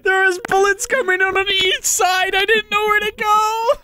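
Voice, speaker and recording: A streamer gaming with friends in voice chat, loud and teasing, laughing often. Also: extremely high pitch, little pitch movement, normal speed, dry recording. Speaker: streamer and group leader. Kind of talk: casual gaming banter in voice chat.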